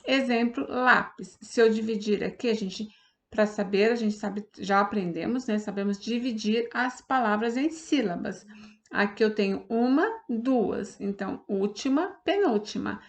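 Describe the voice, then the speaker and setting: A woman's voice: medium pitch, a little slow. A woman teacher with a Brazilian Portuguese accent, patiently explaining a lesson step by step and often checking that students follow. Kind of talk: online class lesson.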